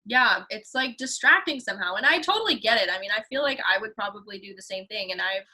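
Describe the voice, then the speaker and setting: Young woman, bright tense tone, chatty ballet teacher in casual conversation. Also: medium pitch, expressive, fast talker, low-quality recording. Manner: chatty, filler-heavy, laughs often. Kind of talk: casual chat.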